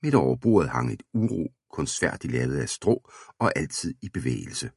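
A man narrating a historical storybook aloud in a steady, even way. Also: a bass voice, vocal fry, husky, no room sound, studio quality. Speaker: audiobook reader.

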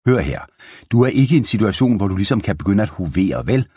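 A man's voice: lowish voice, big pitch swings, warm tone, husky, no echo, studio quality, voice pushed up. A man voicing a cheeky, bold young cowboy boy who teases and talks cocky. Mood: teasing. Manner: teasing, cocky.

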